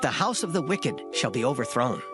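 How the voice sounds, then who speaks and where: This is a dramatized scripture reading in formal old King James English, delivered emphatically and solemnly with loud music playing behind it. The reader's medium-pitched voice is sing-song and fairly quick, lightly acted.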